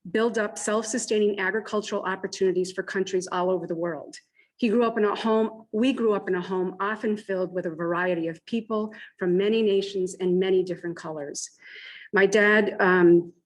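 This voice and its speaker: Breathless older woman rushing a public comment. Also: medium pitch, poor audio. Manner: rushed, talking as fast as she can. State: short of breath. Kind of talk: public comment at a school board meeting. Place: school committee meeting room.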